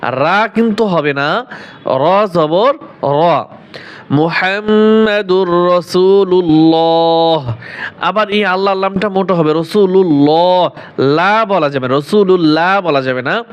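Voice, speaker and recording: A man teaching Quran pronunciation step by step, chanting each phrase slowly and stretched out between quick explanations. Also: high voice, expressive, a bit bright, muffled recording.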